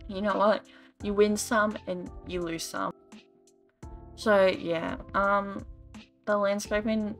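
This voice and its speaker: A woman's voice: mid-range voice, fairly bright tone. A tired young woman rambling and ranting in a casual, self-deprecating voice-over while she builds in a game. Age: young adult. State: tired, yawning. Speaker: Sims gaming YouTuber.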